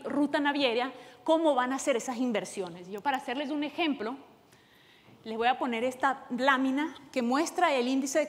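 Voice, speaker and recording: A woman from Venezuela presenting at a conference panel, explaining with frequent fillers and a hurried, explanatory manner. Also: high voice, long reverb tail. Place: large conference hall.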